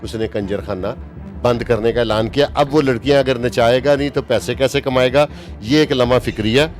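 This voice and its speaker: Brief: emphatic Pakistani journalist, fifties, faint music behind. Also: male voice, mid-range voice. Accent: Pakistani Urdu. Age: 50s. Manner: emphatic, opinionated, slows down to stress points. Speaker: journalist guest. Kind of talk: interview talk.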